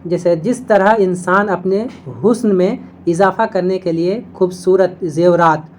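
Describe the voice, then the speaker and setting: A woman teaching an exam-prep video lesson, explaining each point step by step, checking in with listeners often and reciting couplets slowly. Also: on the low side, a little mellow, slight background noise.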